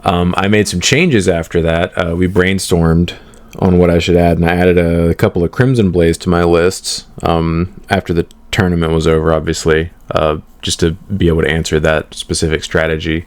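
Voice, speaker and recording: A deep-voiced man hosting a gaming podcast, talking through his matches in an easygoing, unhurried way. He pauses often with "um" and "uh" as he explains game rules. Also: little pitch movement. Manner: laid-back, hesitant, frequent "um" and "uh". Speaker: podcast host. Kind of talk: casual chat recapping card tournaments.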